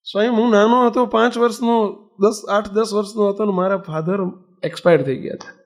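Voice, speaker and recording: A man's voice: sits high, fairly even intonation, brisk, pitched above the performer's own voice, close to an everyday voice. A man voicing a poor young male college student who pleads earnestly through tears, quoted within a sermon story. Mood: pleading.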